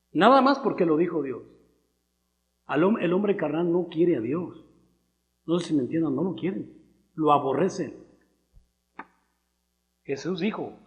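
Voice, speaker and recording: A man with a southern Mexican Spanish accent, preaching a sermon in a conversational, rambling way, repeating his words. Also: on the high side. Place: church hall. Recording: long reverb in a church hall, through a loudspeaker.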